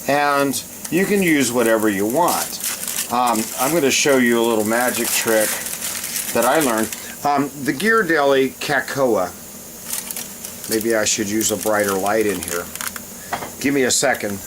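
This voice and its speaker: In a casual home cooking video, a man talks through a recipe in a rambling way, stopping now and then to deal with things. He speaks a little slowly at medium pitch, and a loud steady hiss runs under the audio.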